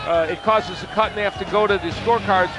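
Guy explaining boxing on tv, pretty high voice, crowd and music behind him. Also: steady tone, quick pace. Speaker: boxing broadcast analyst. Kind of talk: live TV sports commentary.

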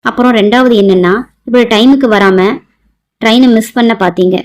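A woman voicing a kind, cheerful young woman doctor who speaks gently and teases back. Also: a little high, a little fast, lightly acted. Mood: teasing. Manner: gentle, teasing.

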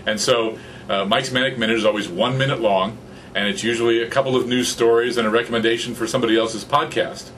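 A man in his fifties, a podcaster, speaks fast in a mid-range voice on a low-quality recording with slight background noise. It's a casual interview chat with a guest in a small office with computers, captured by a studio condenser mic on a stand in front; he gets excited, animated and gestures a great deal.

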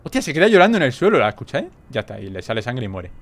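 A young man with a Spain Spanish accent giving excitable gameplay commentary, full of quick exclamations and swearing. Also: mid-range voice, slight background noise. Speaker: gaming YouTuber.

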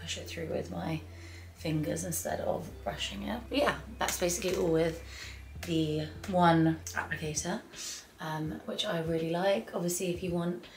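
Low, gravelly woman vlogger, half-whispering. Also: steady tone, moderate pace, rough recording. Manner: chatty, often drifts into whispering. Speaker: beauty vlogger. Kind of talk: hair tutorial vlog. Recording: clear background noise.

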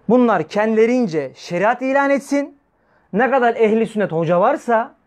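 A man delivers a weekly religious talk in a high, tenor voice. He preaches in a fiery, scolding way and keeps throwing rhetorical questions at the listeners. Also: a little mellow.

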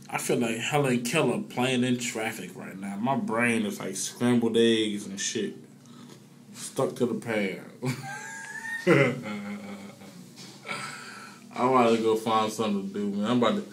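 A man's voice: fairly low pitch, slight background noise. A very drunk young man on a casual rant, rambling, repeating himself and swearing, recorded on a phone held close in a restroom. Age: young adult. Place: small tiled public restroom. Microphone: phone held close at arm's length.

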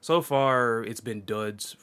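A man's voice: medium pitch, slow, a bit bright, smooth. A man hosting a casual chat about fighting games, rambling with lots of fillers and laughing often. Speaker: podcast host.

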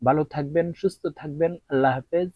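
A man teaching Arabic letter pronunciation, chanting slow drills and then quickly explaining. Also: on the high side, no echo. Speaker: Quran reading teacher. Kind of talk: slow drilled recitation lesson. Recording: dry, tinny phone-like sound.

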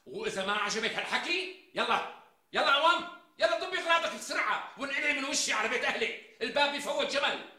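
A meek Damascene husband. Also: male voice, very high-pitched, animated, quick pace, bright, forceful tone, roomy sound, heavily acted. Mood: blustering. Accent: Damascene Syrian Arabic. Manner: rehearses bold speeches, mocking and ranting. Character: meek middle-aged husband, browbeaten, blustering when alone. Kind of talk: TV sitcom acting.

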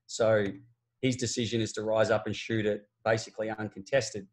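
A man's voice: fairly low pitch, little pitch movement, normal speed. Male basketball coach, 40s, explaining plays over a webcam call, casual and explanatory with frequent ums. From Australia. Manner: conversational, explanatory, frequent fillers and restarts. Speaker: basketball coach presenting a clinic. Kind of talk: online coaching clinic talk over game video. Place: small office at home. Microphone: laptop webcam on a video call.

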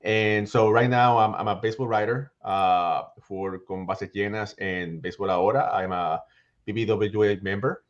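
A man's voice: fairly low pitch, normal speed, muffled recording. A middle-aged man with a Puerto Rican accent, a guest baseball writer talking animatedly over a headset on a video call. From Puerto Rico. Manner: animated, restarts phrases often. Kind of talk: casual video-call interview. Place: small home room with shelves.

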